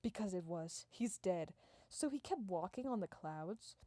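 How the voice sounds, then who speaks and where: A woman telling an improvised comic story in a deadpan, run-on way, stringing events together and sometimes dropping to a hush. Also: on the low side, unhurried, no echo. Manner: deadpan, run-on "and then" narration, dropping to hushed tones.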